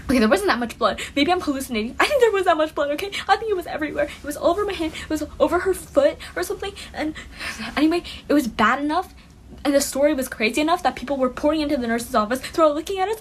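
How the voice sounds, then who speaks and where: A woman tells a comic story with high-pitched, theatrical emphasis. She repeats key phrases and keeps checking in with her listeners. There is a faint hum in the background. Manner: dramatic, emphatic, keeps asking "okay?". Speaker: streamer telling a story.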